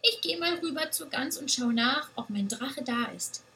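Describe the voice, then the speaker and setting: A woman voicing a little girl goat in a children's story, with a childlike, high, pleading voice. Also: animated, normal speed, gravelly, sharp tone, a little hiss or hum, heavily acted. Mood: hopeful.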